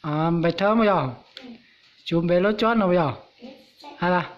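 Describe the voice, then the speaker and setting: A woman prompting a child to recite, speaking in loud, coaxing questions and cues in a casual home setting. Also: on the low side, a little fast. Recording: dull lo-fi phone video with faint hiss.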